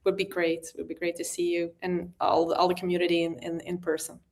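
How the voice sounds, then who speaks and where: Creaky-voiced woman, hesitant English. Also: lowish voice, monotone, a little fast, a little mellow. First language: not English. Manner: hesitant, searching for words. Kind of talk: casual chat.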